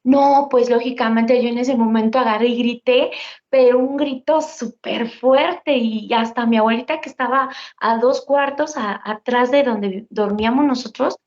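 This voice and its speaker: A woman tells a personal story in an earnest, vivid way, talking straight to her listener. Her voice sits a little high for a woman. The recording is dull and lo-fi. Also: normal speed, a little mellow. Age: 40s. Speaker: guest telling a paranormal experience. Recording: dull lo-fi audio.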